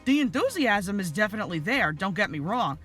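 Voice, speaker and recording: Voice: mid-range voice, big pitch swings, fairly quick, fairly bright tone, faint music behind. A reviewer giving opinionated scripted commentary.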